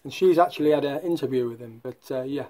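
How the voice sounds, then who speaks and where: A man's voice: medium pitch, fast talker, mellow. A man hosting a casual vlog, talking in a mocking, sardonic way. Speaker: YouTube host.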